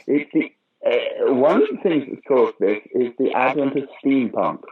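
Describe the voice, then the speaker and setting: The older man here, an actor and pantomime director from Britain, has a medium-pitched voice with a breathy edge, lively intonation and a normal speed. He tells anecdotes during a casual interview, acting out the voices of those he quotes. Expect dull lo-fi audio and faint noise.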